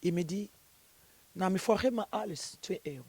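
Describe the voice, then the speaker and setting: A woman's voice: medium pitch, normal speed, darkish tone, breathy edge, dry recording. A woman pastor being interviewed, preaching and telling stories with emphasis. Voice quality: emphatic, storytelling.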